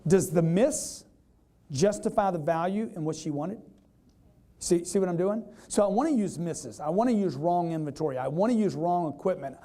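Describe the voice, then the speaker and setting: High-voiced, energetic male sales trainer. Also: moderate pace. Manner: energetic, repetitive, keeps quizzing the crowd; acts out customers in quoted voices. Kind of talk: live seminar talk to an audience. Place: seminar room with a live audience.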